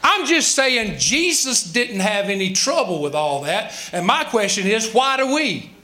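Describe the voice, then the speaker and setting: This Southern pastor, in his sixties, has a high and very animated voice with a sharp tone, moving at a measured pace. He preaches emphatically, mixing rhetorical questions with folksy asides.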